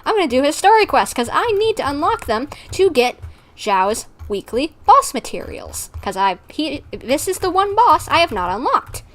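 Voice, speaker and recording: Playing a game live, a woman with a high, very animated, slightly bright voice talks at a moderate pace. Her chat with viewers is casual, rambling, and giggly, and she replies to them as she plays.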